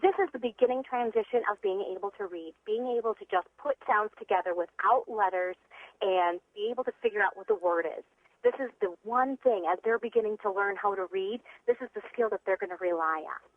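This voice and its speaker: A woman's voice: mid-range voice, a little fast, no echo. A woman reading tutor calling in to an interview, talking eagerly with frequent fillers. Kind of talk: phone-in interview. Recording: tinny phone line.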